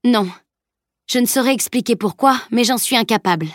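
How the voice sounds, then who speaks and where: A woman's voice: fairly high pitch, normal speed, dry recording, clean studio sound, voice pushed up, close to an everyday voice. A woman reading an audiobook, voicing a determined young girl magician in a raised, insistent voice. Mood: apologetic. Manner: insistent, pleading.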